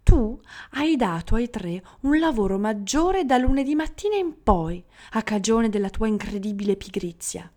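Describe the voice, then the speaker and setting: A woman's voice: on the high side, lively intonation, normal speed, few pauses, a little mellow, lightly acted. A woman voicing a stern, knowing male genie of the deserts in a storybook reading.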